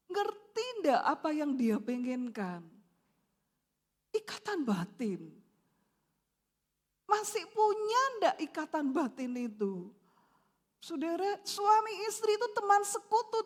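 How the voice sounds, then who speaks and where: High-voiced woman preaching, Javanese accent. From Central Java, Indonesia. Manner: animated, acts out husband and wife in Javanese-laced dialogue. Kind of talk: sermon. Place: church hall. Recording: long reverb of a church hall.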